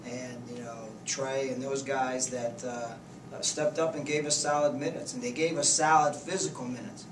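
Plainspoken coach in an echoey room. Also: male voice, medium pitch, little pitch movement. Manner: plainspoken, halting, restarts often. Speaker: head basketball coach. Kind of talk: postgame press conference answers. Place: press conference room, indoors. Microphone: table mics, heard from a distance. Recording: echoey room, distant mic, noisy.

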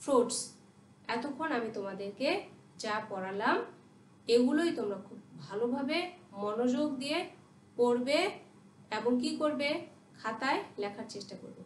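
A woman's voice: fairly high pitch, moderate pace, long pauses, a little hiss or hum. A woman teaching a primary class, spelling English words letter by letter and asking her pupils questions she answers herself. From Bangladesh. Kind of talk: recorded classroom lesson. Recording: echoey room, voice from a distance.

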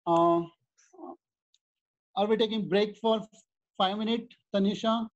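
A man's voice: high-pitched, fairly even intonation, slow pace. A man with an Indian accent, casually moderating an online meeting. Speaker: table topics master. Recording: muffled video call audio.

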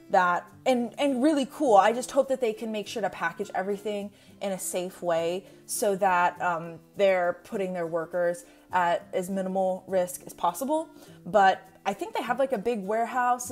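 A young woman vlogging at home, chatting casually through a product review with lots of fillers. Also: medium pitch. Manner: chatty, rambling with many fillers. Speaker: planner vlogger. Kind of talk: casual screen-share review. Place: indoors at home.

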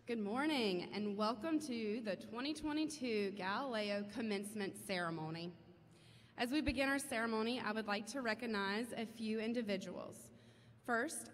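Principal, woman, formal and measured at a podium mic; fairly high voice, long gym reverb, faint room noise. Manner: measured, formal, reads names slowly. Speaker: school principal. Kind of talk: formal ceremony address. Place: large school gymnasium. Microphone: podium microphone through hall speakers. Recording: echoey gym from far off.

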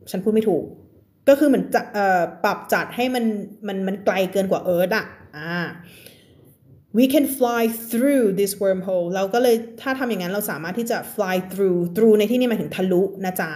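A woman with a Thai accent teaching English on a live stream from home. She reads English lines slowly, explains them in casual chat, and laughs often. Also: medium pitch, darkish tone. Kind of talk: live-streamed reading lesson.

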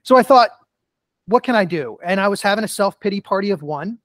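A middle-aged man speaks as a podcast guest, his voice sitting high for a man. He tells earnest personal stories, peppered with "you know". The sound is dry and close, with little room. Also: animated, a little fast, fairly bright tone, no echo. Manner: earnest storytelling with many "you know" fillers. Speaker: guest, author and keynote speaker. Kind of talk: casual podcast interview.

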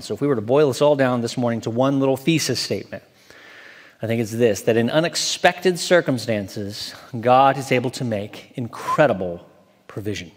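Man, 40s, associate pastor, measured scripture reading and sermon, church hall reverb. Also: medium pitch. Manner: measured, reads aloud slowly from an open Bible. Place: church stage, large indoor hall.

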